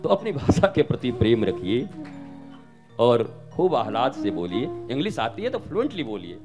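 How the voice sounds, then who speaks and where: Lively male spiritual teacher, music behind. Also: medium pitch. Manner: animated, mimics other people, swings from soft to loud. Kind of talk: Hindi religious discourse.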